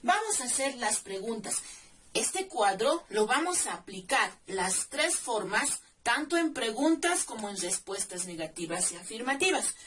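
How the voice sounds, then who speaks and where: A woman teaching a language lesson at a slow, careful pace, her voice sitting fairly high. She spells out word endings letter by letter and keeps checking that the listener follows. The mic is some distance away, with faint noise behind her. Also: big pitch swings, a bit bright. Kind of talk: slow, deliberate classroom explanation.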